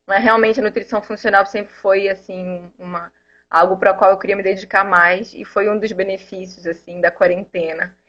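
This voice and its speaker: A woman's voice: mid-range voice, fairly even intonation, moderate pace, a bit bright, lo-fi sound. A woman raised in Angola, a nutritionist guest in a live video interview, explaining her work while thinking aloud. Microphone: earphone mic.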